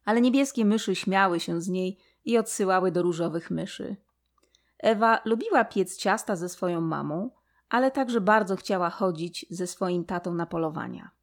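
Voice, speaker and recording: Female storyteller, slightly low voice, expressive read of a fable. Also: moderate pace. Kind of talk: storybook reading.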